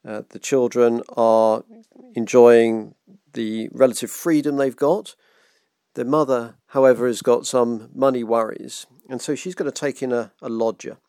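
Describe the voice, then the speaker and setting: A man hosting a virtual book club, reading a children's novel aloud in a gentle, measured way. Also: medium pitch, fairly even intonation, smooth, no room sound, clean studio sound. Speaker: book club host and reader.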